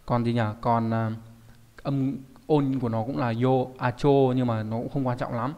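A male language teacher walks through a recorded online lesson, explaining patiently and often asking rhetorical check questions. His voice sits at an ordinary middle pitch. The recording has a long reverb tail that lingers after each phrase. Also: fairly even intonation, moderate pace, warm tone. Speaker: Japanese teacher.

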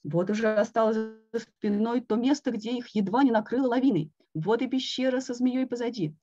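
A woman reading a picture book aloud to children with expressive, slow storytelling. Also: a little high. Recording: dull lo-fi online call.

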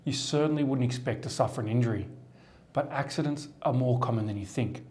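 Aussie guy doing a law firm explainer, calm and measured, warm low-key voice, studio desk. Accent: Australian. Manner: measured, formal, steady delivery. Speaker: lawyer presenting a firm's explainer. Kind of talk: scripted explainer to camera.

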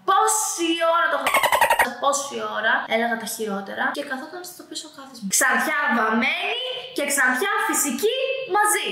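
A woman's voice: fairly high pitch, sharp tone. A young woman from Greece casually telling funny stories to camera as a vlogger, chatty and laughing, swearing casually. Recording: very echoey room with faint noise.

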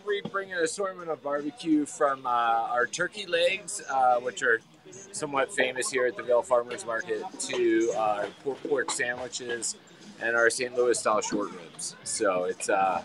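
A man's voice: medium pitch, moderate pace. A middle-aged man from Maryland who owns a barbecue restaurant, chatting casually outdoors with a lot of fillers and trailing "so"s. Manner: relaxed, many fillers, trailing "so". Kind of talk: casual interview. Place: outdoor farmers market booth. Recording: outdoor market crowd noise. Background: market crowd.

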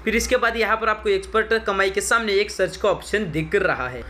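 A man's voice: sits high, a little fast, bright, forceful tone. A man giving a chatty, repetitive step-by-step walkthrough of a phone app for his channel. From India. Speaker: tech tutorial youtuber. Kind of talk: screen-recorded how-to walkthrough.

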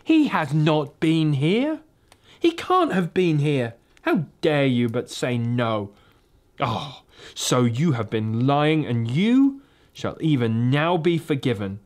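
A man's voice: mid-range voice, big pitch swings, normal speed, few pauses, pitched above the performer's own voice, close to an everyday voice. A man reading aloud, voicing a cruel, imperious witch queen who snaps and roars commands. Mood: raging. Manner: commanding, snapping and roaring.

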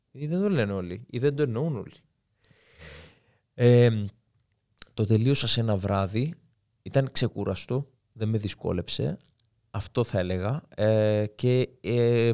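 A man's voice: on the low side, darkish tone. A man with a Cypriot Greek accent hosting a podcast, talking in a friendly, affirming casual interview manner. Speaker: podcast host.

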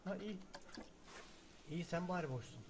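A young man giving casual let's-play commentary, excitable and chatty, talking to the game's objects with mock threats and sudden shouts. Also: high voice, moderate pace, noisy background. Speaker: gaming video host.

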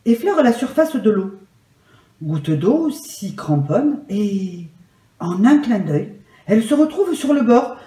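Calm woman reading a story aloud. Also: mid-range voice. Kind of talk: gentle read-aloud storytelling. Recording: roomy echo.

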